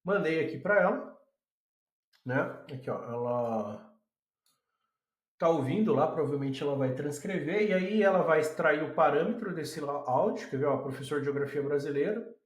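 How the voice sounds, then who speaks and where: A man with a Brazilian Portuguese accent, casually walking viewers through a software demo and thinking aloud as he clicks. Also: on the high side, lively intonation, normal speed. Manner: chatty, addresses viewers as a group, thinks aloud. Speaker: tutorial presenter. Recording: roomy echo.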